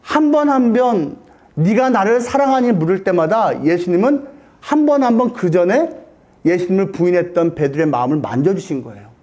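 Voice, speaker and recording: Male preacher, sermon storytelling, lively swinging pitch, fairly high voice, keeps quizzing listeners. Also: brisk. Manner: animated, dramatic retelling with questions to the audience.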